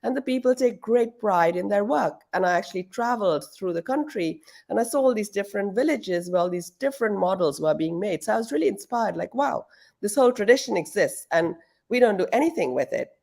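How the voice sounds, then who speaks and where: A woman's voice: mid-range voice, expressive, brisk, vocal fry, a little mellow. A middle-aged woman from Pakistan, answering interview questions at home in a thoughtful, casual way with fillers and restarts. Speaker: guest, shoe brand founder.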